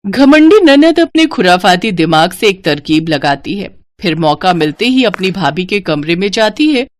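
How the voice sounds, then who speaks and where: A woman's voice: medium pitch, no echo, studio quality. A woman narrating a family moral story, switching her voice for each character. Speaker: narrator voicing all characters.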